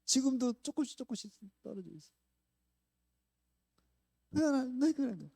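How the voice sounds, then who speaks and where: A male pastor giving a conversational sermon, telling a story with swings from hushed to loud and frequent laughter. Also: very high voice, animated, normal speed, vocal fry, no room sound. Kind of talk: conversational sermon with acted-out quotes. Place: church sanctuary.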